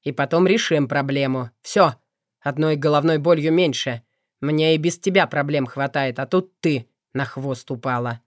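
A man's voice: on the high side, moderate pace, no echo, clean studio sound. A man narrating an audiobook in first person, curt and irritable.

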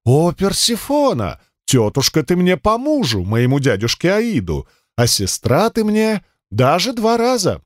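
A chatty, wry messenger god rambles on with a knowing tone, as a man reading an audiobook voices him. His voice sits fairly high and moves a lot. The recording is close and dry. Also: wildly swooping pitch, measured pace, hardly any pauses, dry recording, exaggerated voice.

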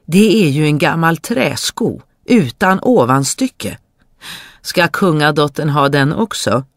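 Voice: medium pitch, lively intonation, no room sound, clean studio sound, lightly acted. Reader doing snooty big brothers, mocking and sneery. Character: scornful, mocking older brothers.

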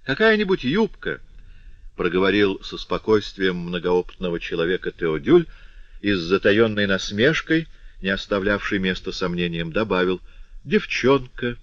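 A man narrating a classic novel in measured storytelling with a touch of dry irony. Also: low voice, fairly even intonation, dry recording, highs cut off. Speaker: audiobook narrator.

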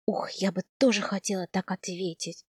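Expressive woman reading a first-person audiobook. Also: mid-range voice, normal speed, breathy edge, no echo, clean studio sound. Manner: expressive, animated in the heroine's dialogue. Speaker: audiobook narrator. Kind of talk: first-person scripted narration.

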